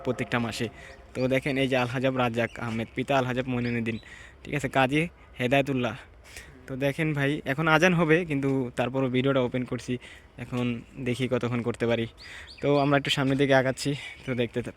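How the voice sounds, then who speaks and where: Guy vlogging a graveyard walk, talking low and thoughtful, plenty of outdoor noise around. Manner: hushed, reflective commentary while walking. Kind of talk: walking tour vlog.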